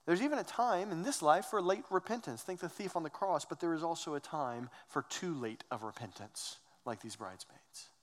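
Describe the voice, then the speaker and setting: A man's voice: fairly high pitch, expressive, moderate pace, few pauses, in a large hall. A man preaching a sermon, earnest and emphatic, asking rhetorical questions. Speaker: pastor.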